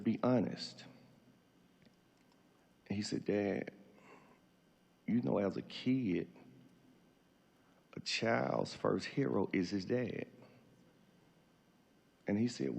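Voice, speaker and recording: A middle-aged man with a husky, gravelly voice giving an emotional, tearful farewell speech as a grieving father, halting as he goes. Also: fairly low pitch, a little mellow.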